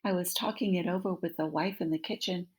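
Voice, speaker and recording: A woman in her fifties reads a picture book to young children at home, asking them questions as she goes, captured by a laptop mic at arm's length in a small room. Her voice sits on the low side, steady and slightly rough, and she moves along fairly quickly.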